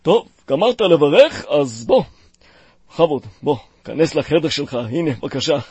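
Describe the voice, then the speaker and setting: An actor playing a doting, insistent religious father in a comedy sketch, animated and teasing. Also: on the high side, husky, no room sound, lo-fi sound.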